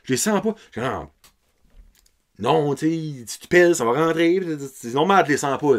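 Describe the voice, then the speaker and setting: A man in his thirties hosts a podcast, speaking in a slightly high voice with lively intonation at a moderate pace. His accent is Acadian French, and he tells a story in a casual, laughing style, mixing in English words.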